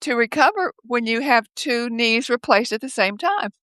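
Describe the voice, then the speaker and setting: Older woman telling lively stories with laughs. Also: on the high side, moderate pace, no room sound. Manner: lively, laughs often, acts out quoted speech. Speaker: guest. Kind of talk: casual conversational storytelling. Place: home office. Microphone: video call.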